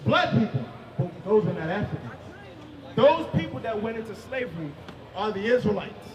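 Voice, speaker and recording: Male street preacher, high voice, emphatic with bursts of shouting, distant mic in an echoey space. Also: big pitch swings, normal speed, crowd noise.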